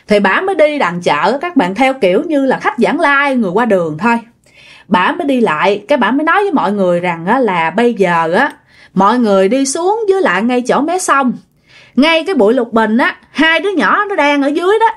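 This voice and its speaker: A woman with a Southern Vietnamese accent telling a ghost story in a chatty way, speaking directly to her listeners. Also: on the high side. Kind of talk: casual ghost story narration.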